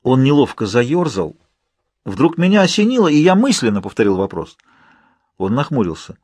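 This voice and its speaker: Husky man narrating an audiobook. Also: medium pitch, very animated, moderate pace, darkish tone, no echo. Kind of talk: first-person audiobook narration.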